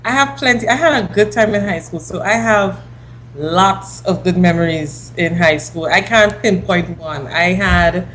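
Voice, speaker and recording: A woman in her thirties, raised in Guyana, speaks as an interview guest. She sounds a little tired but stays relaxed and chatty. A faint hiss sits under her voice. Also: lowish voice, poor audio. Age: 30s. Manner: chatty, relaxed, quick when listing. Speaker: lawyer, talk show guest. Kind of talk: interview answers.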